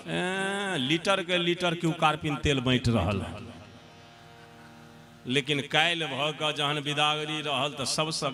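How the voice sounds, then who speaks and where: A male preacher with a Maithili accent giving a live devotional sermon, asking the crowd questions and drifting into song. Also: fairly high pitch. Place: live religious gathering. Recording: music playing behind.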